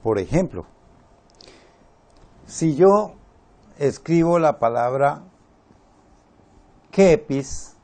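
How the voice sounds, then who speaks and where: Slow, gravelly male teacher. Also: fairly high pitch, animated, warm tone. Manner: slow and deliberate, repeats examples. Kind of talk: spelling lesson.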